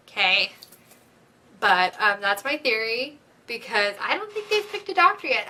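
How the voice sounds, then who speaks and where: A woman hosting a vlog, chatting casually and excitedly, with frequent giggles and gushing asides. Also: on the high side. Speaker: vlog host. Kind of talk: casual fan chat.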